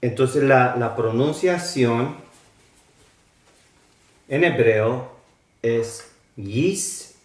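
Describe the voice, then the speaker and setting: A man teaching a slow lesson on old alphabets, spelling out letters and sounds with hesitations. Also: mid-range voice, echoey room, far from the mic.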